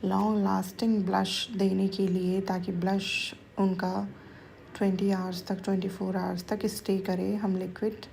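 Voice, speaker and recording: Woman, makeup tutorial voice-over, gravelly, warm dark tone. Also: mid-range voice, flat delivery, unhurried, slight background noise. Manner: explanatory, mixing English phrases into Hindi. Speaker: makeup artist teaching.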